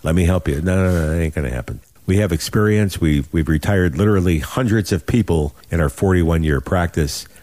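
A man in his sixties hosting a financial radio show, making an urgent, folksy, emphatic sales pitch and repeating himself. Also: fairly quick, few pauses, a little mellow, dry recording. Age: 60s.

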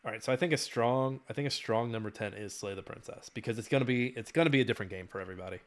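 A man's voice: mid-range voice, rapid-fire. A man co-hosting a gaming podcast, chatting casually and animatedly, swearing and laughing often. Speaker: podcast co-host. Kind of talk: casual chat.

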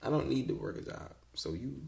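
Animated bro-talking man, gravelly edge. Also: medium pitch, fairly quick, a crowd in the background. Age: about 30. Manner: bro-like, slangy talk peppered with "bro" and "bruh"; profane, blunt. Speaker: podcast guest. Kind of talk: casual, slangy chat.

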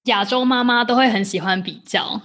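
Casual woman host, fairly high voice. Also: a little fast, fairly bright tone. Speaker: podcast host. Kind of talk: casual chat.

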